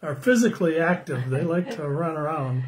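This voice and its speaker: An older man in his sixties giving a children's sermon on a phone livestream, slow and friendly, greeting viewers by name and asking the kids questions. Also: on the high side, lively intonation, slight background noise. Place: small room indoors at home. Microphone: phone camera close up.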